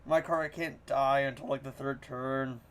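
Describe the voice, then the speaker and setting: A man's voice: medium pitch, normal speed, clear, resonant tone. A young man giving casual, joking commentary to his chat while he plays a video game. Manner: excitable, joking, talks to chat. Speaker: streamer.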